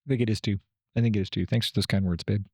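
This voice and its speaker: A man's voice: lowish voice, fairly even intonation, rapid-fire, warm tone, slightly rough, no room sound, clean studio sound. A man co-hosting a faith-based family podcast, explaining his points steadily and listing them one by one. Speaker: podcast co-host.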